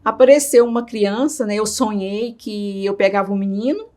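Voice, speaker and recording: A woman's voice: medium pitch, moderate pace, darkish tone. A middle-aged woman with a Brazilian Portuguese accent, telling a personal story as an interviewee with much feeling and often tagging her sentences with a questioning "right?". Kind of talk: personal testimony.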